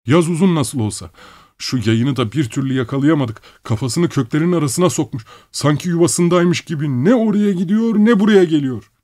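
A man voicing a village workman who talks in an excited, complaining way. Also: fairly high pitch, normal speed, voice pushed up, close to an everyday voice.

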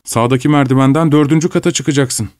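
A man's voice: medium pitch, fast talker, darkish tone, dry recording, studio quality, voice pushed up, close to an everyday voice. A man voicing a drunk, stubborn servant. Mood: obtuse. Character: drunk insolent male servant, stubborn and sulky.

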